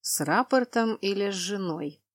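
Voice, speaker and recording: A woman voicing a stern male duke who speaks in a slow, low and clipped way. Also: animated, no room sound, studio quality, close to an everyday voice. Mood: weary.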